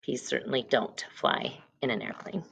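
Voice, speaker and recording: A woman elementary school teacher with a gravelly, husky bass voice reads a picture book aloud to young children at normal speed. She emphasizes words and letter sounds and adds short explanations. The sound is lo-fi.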